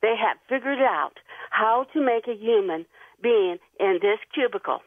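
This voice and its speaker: A woman's voice: a little high, expressive, moderate pace, no echo. Woman on a tinny phone line. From Tennessee. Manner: rambling, nervous, earnest storytelling. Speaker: radio show caller. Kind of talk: call-in radio chat.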